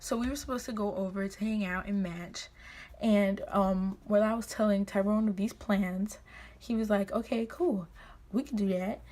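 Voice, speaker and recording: A woman's voice: mid-range voice, steady tone, normal speed, dark tone. A young American woman telling a casual, gossipy story in a chatty, informal way, acting out bits of dialogue. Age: young adult. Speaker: vlogger. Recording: clear background room noise.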